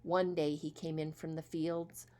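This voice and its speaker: A woman reading a children's story aloud as storyteller, expressive and asking the young listeners questions. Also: low voice, unhurried.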